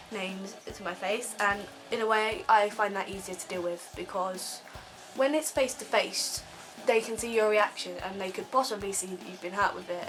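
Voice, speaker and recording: A woman's voice: medium pitch, fairly bright tone, slight background noise, poor audio. A teenage girl ranting casually in a vlog from her bed, rambling with lots of ums. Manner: rambling, filler-heavy, frequent ums. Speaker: vlogger.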